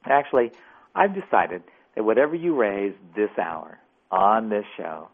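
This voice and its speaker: A man calling in to a radio show, telling stories in an animated, casual way. His low voice has a gravelly edge, and it is squeezed through a thin, tinny phone line. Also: measured pace. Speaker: author, radio guest. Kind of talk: phone-in interview storytelling. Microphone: telephone.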